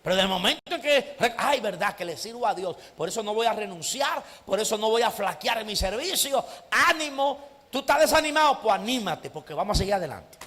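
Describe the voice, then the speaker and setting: A high, bright-voiced man preaches a sermon, pushing his delivery up into loud shouted passages. His voice rings through a church with a long reverb tail. He peppers his preaching with "amen" and "glory to God". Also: lively intonation, fairly quick. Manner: preaches with rising shouts and frequent "amén" and "gloria a Dios". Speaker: pastor. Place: church sanctuary.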